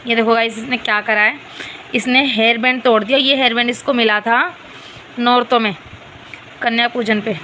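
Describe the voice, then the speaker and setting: A woman's voice: a little high, steady tone, normal speed, long pauses, bright, forceful tone, slight background noise. A young woman vlogging at home, talking with her small daughter and the viewers, by turns coaxing and scolding. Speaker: vlogger and mother. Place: home, indoors.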